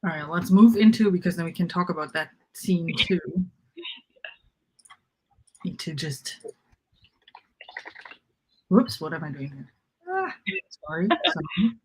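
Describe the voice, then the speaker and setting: In a low-quality recording, a husky, lowish female voice comes across as very animated yet a little slow, with frequent pauses. She co-hosts an informal fan chat about fantasy novels, thinking out loud and often trailing off partway through a thought.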